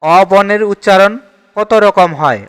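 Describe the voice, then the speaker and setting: High, clear-voiced man drilling grammar answers. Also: measured pace, long reverb tail. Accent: Bangladeshi Bengali. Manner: steady question-and-answer drilling, repeats answers. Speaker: teacher solving exam questions. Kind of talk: exam-prep grammar lesson.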